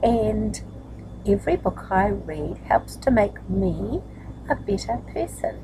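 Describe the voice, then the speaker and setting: An older woman of grandmother's age, her mid-range voice dark in tone, chats warmly with young children before reading books aloud as a storyteller. She's animated yet takes her time, nurturing and grandmotherly, often tacking tag questions onto her sentences. The low-quality recording carries slight background noise.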